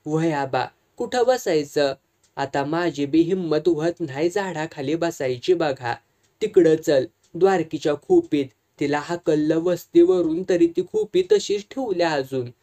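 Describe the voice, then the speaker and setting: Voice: mid-range voice, big pitch swings, a little slow, dark tone. A reader voicing a chatty, uneasy village barber who coaxes in rural dialect. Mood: coaxing.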